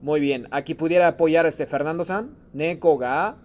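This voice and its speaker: Speaking at a normal pace with a fairly high, slightly mellow voice, a man runs an online Japanese class conducted in Spanish. He addresses students by name with patience and blends Japanese phrases into his explanations.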